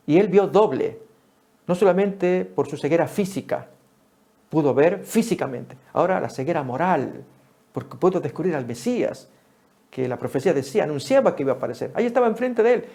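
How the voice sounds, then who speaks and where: Gravelly, animated male preacher. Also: on the high side. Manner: animated, rises sharply for quoted speech, addresses listeners as friends. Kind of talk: Bible study sermon.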